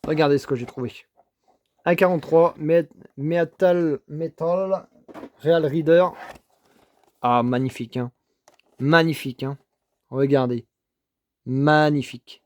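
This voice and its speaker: This toy car collector speaks slowly with long pauses, his fairly high male voice holding a steady tone. Sitting at his home desk, he casually shows off his finds in an unboxing video, repeating excited praise and stumbling into restarts.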